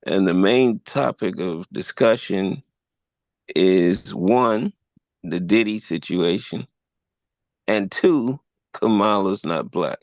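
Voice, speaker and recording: A low, gravelly man hosts a live podcast talk at a slow, deliberate pace. He laughs easily between points. The sound is dry and close, with no room around it. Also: dry recording. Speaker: podcast host.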